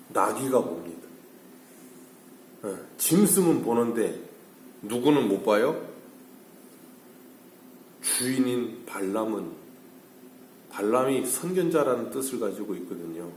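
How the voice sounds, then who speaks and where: Male pastor at a dawn service, mid-pitched voice, roomy echo, faint background hum, poses questions and answers them himself. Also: a little mellow. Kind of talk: early-morning sermon. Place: church sanctuary.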